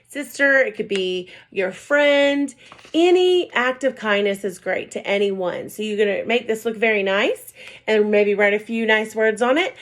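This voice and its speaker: Lady teacher reading a storybook to kids, sing-songy, keeps asking "right?", kinda high. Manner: gentle, sing-song, often checks in with "right?" and "okay?". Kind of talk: reading a picture book aloud to young children.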